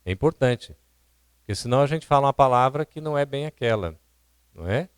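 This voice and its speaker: A Brazilian man lectures a seminar audience in a didactic way, often asking them questions. His voice sits at an ordinary middle pitch. The sound is dry and close. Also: expressive, a little fast, clear, resonant tone, dry recording. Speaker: seminar speaker. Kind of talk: lecture on public speaking. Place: seminar hall at a spiritist centre.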